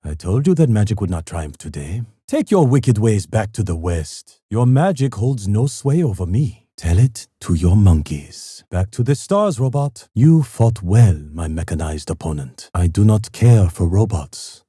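A man voicing a stoic, honorable samurai swordsman in a video game, speaking formally, with measured, solemn courtesy. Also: on the low side, sing-song, mellow, slightly rough, no room sound, clean studio sound, exaggerated voice. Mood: gracious, composed. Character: stoic, honorable time-lost samurai swordsman, polite and grave. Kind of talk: video game character voice lines.

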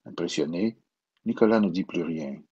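A man with a Quebec French accent narrating a children's storybook in an expressive, gentle way. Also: low-pitched, normal speed, vocal fry, highs cut off.

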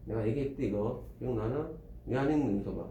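A man teaching a classroom lesson, animated and teasing as he quizzes students. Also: mid-range voice, a little fast, slight background noise. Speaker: Korean language tutor. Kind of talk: classroom lecture. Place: small classroom. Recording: roomy classroom, faint ambience.

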